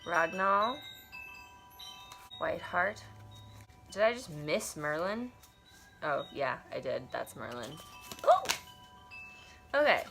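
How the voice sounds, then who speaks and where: Faint music plays behind a young woman whose lowish, gravelly, slightly bright voice is very animated, though she takes it slowly with long pauses. In her twenties and congested from allergies, she reviews tarot and oracle decks, unboxing one in her cluttered bedroom while thinking aloud, wandering off on asides, and reading passages aloud.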